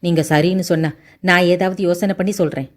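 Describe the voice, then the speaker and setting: A woman's voice: on the low side, fairly even intonation, brisk, close to an everyday voice. A woman voicing a nervous, polite young man pleading on his sister's behalf in a Tamil audiobook. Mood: eager. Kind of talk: audiobook character voice.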